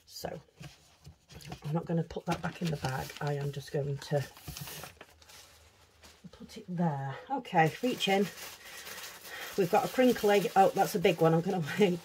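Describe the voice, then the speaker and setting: Low-voiced, slow-talking woman vlogger, casual unboxing chat. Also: background noise. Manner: chatty, thinking aloud while handling items. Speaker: craft vlogger.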